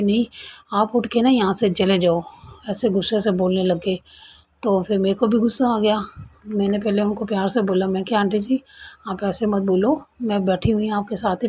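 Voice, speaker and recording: A woman's voice: medium pitch, dark tone, slightly rough. A woman earnestly recounting a personal experience to a congregation, in a casual storytelling way with retold dialogue. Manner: earnest, conversational, retells quoted dialogue. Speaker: devotee sharing experience.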